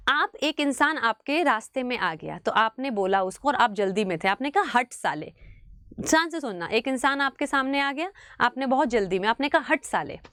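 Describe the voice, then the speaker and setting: A woman teaching biology in an online exam-prep lecture, mixing English terms into her talk, calling students "beta" and drilling key words slowly. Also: sits high, no room sound, studio quality. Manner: animated, mixes English into Hindi, calls students "beta".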